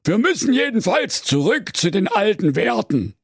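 A man's voice: high voice, very animated, moderate pace, vocal fry, slightly rough, no echo, studio quality, exaggerated voice. A man voicing a naive, muddled fairy-tale brother who rambles and bumbles through his complaints. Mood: bumbling.

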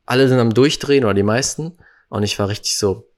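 A man's voice: mid-range voice, fast. A man talking earnestly and emphatically in a casual reflective conversation, now and then acting out quoted voices.

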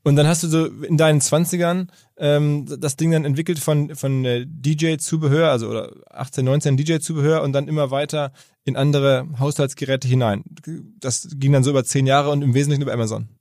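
A man hosting a casual interview, asking quick, probing questions. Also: on the high side, steady tone, a little mellow, no room sound, studio quality. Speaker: interview host.

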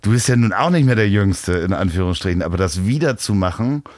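A man's voice: sits low, expressive, brisk, no echo. A man hosting a podcast interview, chatty and enthusiastic, with frequent exclamations. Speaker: podcast host. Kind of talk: casual interview.

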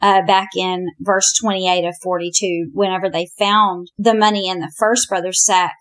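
A woman teaching a Bible lesson in a conversational, animated way. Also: fairly low pitch, moderate pace. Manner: chatty, animated, often says "you know".

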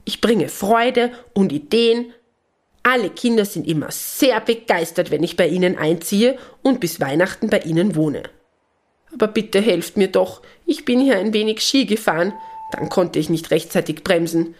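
A woman voicing a cheeky, easily offended little male Christmas gnome who shouts shrilly. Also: medium pitch, animated, normal speed. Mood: pleading.

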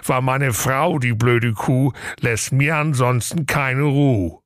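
A man's voice: mid-range voice, takes it slowly, no echo, studio quality, voice pushed up, close to an everyday voice. A man voicing a good-natured, henpecked excavator driver who sounds exasperated in a comic audio fairy tale. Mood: weary. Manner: weary, exasperated, sing-song rhymes.

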